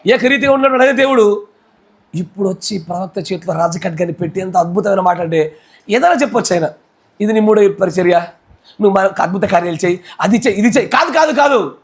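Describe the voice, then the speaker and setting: A male pastor with a Telugu accent, preaching a fervent sermon that swings between shouting and low, intense speech. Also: fast.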